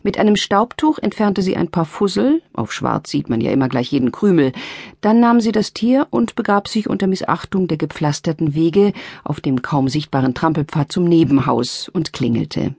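A middle-aged woman reading a humorous novel aloud as an audiobook narrator, with lively shifts in pitch as she voices different characters. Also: moderate pace, vocal fry, slightly rough, no echo, clean studio sound. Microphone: close studio mic.

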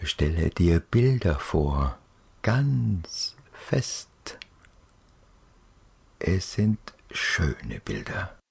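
A man narrating a guided relaxation journey for children in a soft, dreamy, soothing way, with gentle pauses and a breathy, husky voice. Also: low voice, big pitch swings.

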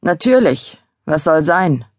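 A woman's voice: low-pitched, big pitch swings, slow pace, a little mellow, dry recording, clean studio sound, exaggerated voice. A woman voicing a cool, impatient, condescending male boyfriend speaking on the phone.

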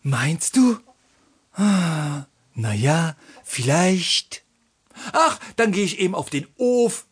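A woman voicing Serge, a vain, boastful rooster, in a children's audiobook; he drops French phrases and talks in a slow, theatrical way. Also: lowish voice, big pitch swings, breathy edge, full character voice.

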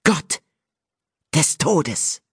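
An otherworldly male nymph seer intones a prophecy in a raised, drawn-out chant, as a man puts him on for an audiobook. Each phrase stretches slowly and rises well above a normal speaking voice. The sound is close and dry. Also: big pitch swings, fairly bright tone, breathy edge, dry recording, heavily acted. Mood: solemn. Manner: slow, high, drawn-out incantation. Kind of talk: audiobook character voice.

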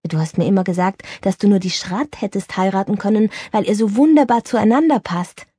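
A woman voicing a calm woman friend who speaks softly and in a measured, gently reproving way with a husky voice. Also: medium pitch, no echo, lightly acted. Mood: gently chiding.

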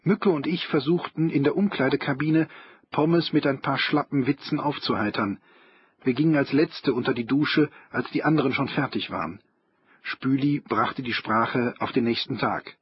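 A man's voice: medium pitch, normal speed, muffled recording, slight background noise. A man narrating an audiobook in a dry, wry storytelling manner. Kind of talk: audiobook reading of a humorous novel.

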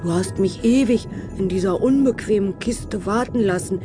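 A woman voicing an old, fussy male sea turtle guardian in a children's audiobook, grumbly, slow and put-upon. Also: medium pitch, over music, natural voice. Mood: huffy.

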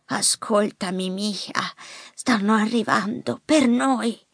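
A frail old grandfather pleads in slow, halting bursts, as a woman narrator puts him on. His voice is gravelly and breathy, pitched rather high for an old man, and recorded dry and close for an audiobook. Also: dry recording, full character voice. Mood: urgent pleading. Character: frail old grandfather after a stroke, urgent. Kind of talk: audiobook character voice. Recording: dry close studio mic.

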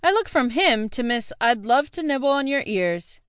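Woman, audiobook narrator, first-person, sassy, sharp-tongued, slightly high voice, dry close recording. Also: big pitch swings, normal speed, clear, resonant tone, no room sound.

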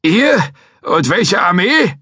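A man voicing a doddering old male security guard who is suspicious and testy, with a shrill, querulous, shouting manner. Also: sing-song, takes it slowly, husky, no room sound, clean studio sound, exaggerated voice.

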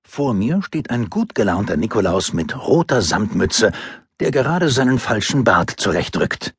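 A man narrates an audiobook in first person with a dry, ironic touch. His voice is husky and varies a lot in pitch, and the recording is close and dry. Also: very animated, normal speed, no room sound.

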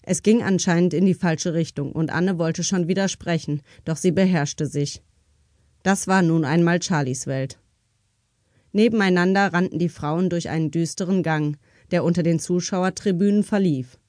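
A woman reading a crime novel aloud as an audiobook narrator, in measured, even storytelling. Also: fairly low pitch, no room sound, studio quality. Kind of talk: scripted narration.

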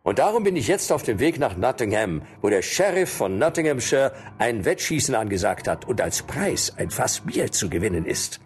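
A man's voice: mid-range voice, very animated, normal speed, few pauses, soft background music, voice pushed up, natural voice. A man voicing a proud, defiant young archer in an audiobook reading. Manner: bold, boastful.

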